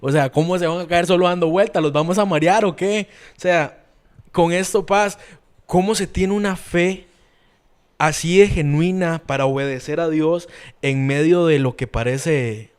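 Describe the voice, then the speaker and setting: Man, podcast host, high voice, smooth resonant tone, thinking aloud. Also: a little slow. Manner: thinks aloud, many "o sea" fillers. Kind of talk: asking questions in a casual conversation.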